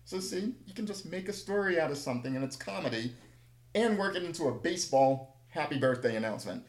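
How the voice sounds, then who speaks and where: A man's voice: on the high side, animated, fast talker. A man casually telling rambling, humorous anecdotes with a self-deprecating touch. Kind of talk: casual chat, storytelling. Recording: echoey room.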